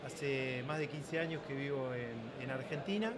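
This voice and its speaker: A man's voice: medium pitch, normal speed. A middle-aged Uruguayan man chatting as an interview guest, friendly and reminiscing, with a Uruguayan Spanish accent. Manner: friendly, reminiscing, with filler "este". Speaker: guest, sales manager. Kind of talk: casual interview chat. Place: trade fair floor. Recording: loud crowd noise at a trade fair. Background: loud crowd.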